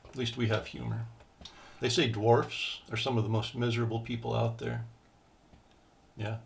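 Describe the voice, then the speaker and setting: Gravelly man telling casual jokes. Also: mid-range voice, sing-song, moderate pace. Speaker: contestant telling dad jokes. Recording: clear background noise, clicks.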